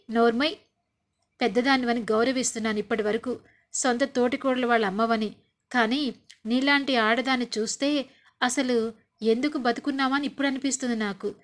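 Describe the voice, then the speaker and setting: A woman's voice: a little high, natural voice. A woman voicing a clever young wife who answers back with cutting, indignant retorts. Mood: disgusted. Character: clever young wife, proud and quick-witted.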